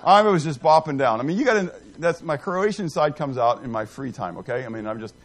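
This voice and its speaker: His voice sits on the high side and moves fairly quickly as this middle-aged man runs a Bible class. He rambles, pokes fun at himself, and keeps the group engaged with questions and jokes.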